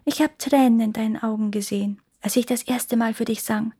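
A woman voicing a kind, gentle female nightingale who speaks softly and tenderly in a fairy tale. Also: on the high side, fairly even intonation, a little fast, slightly rough. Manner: soft, tender, consoling.

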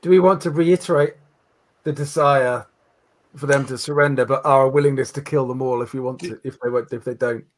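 A man's voice: medium pitch, steady tone, a little fast. A man chatting casually as a player in a tabletop roleplaying game.

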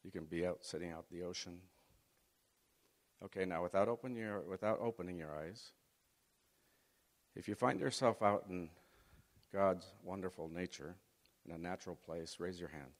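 This guest speaker is a middle-aged man who grew up in Chile, and his deep voice moves at normal speed with long pauses. In a large hall full of long reverb, he walks a student audience through an exercise during a folksy talk rooted in faith.

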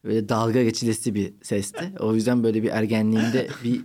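A man's voice: on the low side, flat delivery, quick pace, warm tone. Man hosting a playful, teasing chat. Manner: playful, teasing, laughs often. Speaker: podcast host. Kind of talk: casual chat.

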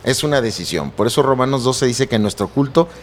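A man's voice: medium pitch, lively intonation, brisk, a little hiss or hum. A middle-aged man, a pastor earnestly telling his personal testimony and quoting scripture. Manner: earnest, preacherly, quotes scripture.

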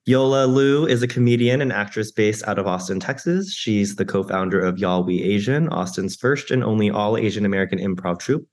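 A relaxed man hosting a podcast, with a lowish voice. He reads the guest's bio at an easy pace and drops in plenty of casual fillers. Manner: relaxed, filler-heavy, reads the intro a little slowly. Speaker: podcast host.

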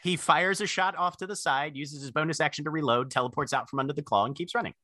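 A man's voice: on the high side, fast talker, noisy background. A man chatting casually as a tabletop roleplaying player, narrating what his character does.

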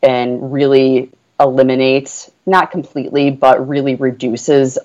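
A woman's voice: rumbling low, flat delivery, measured pace, darkish tone, highs cut off. Earnest woman talking business. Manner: earnest, enthusiastic, many "you know" fillers. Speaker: guest, portfolio manager. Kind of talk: business podcast conversation.

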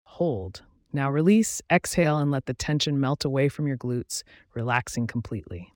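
Calm guy doing guided relaxation, bit high voice, measured with pauses, really dry close sound. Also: no echo. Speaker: meditation guide. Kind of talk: guided relaxation meditation narration.

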